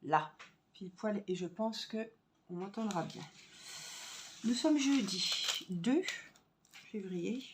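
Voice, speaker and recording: A woman's voice: medium pitch, lively intonation, slow, pauses often. A woman in the middle of her register chats with viewers while she works at a craft table at home. She thinks aloud with plenty of fillers and recorded her voice on a phone camera. A faint background hiss runs under her speech. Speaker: crafts vlogger. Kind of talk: casual tutorial chat while crafting. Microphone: phone camera on a stand.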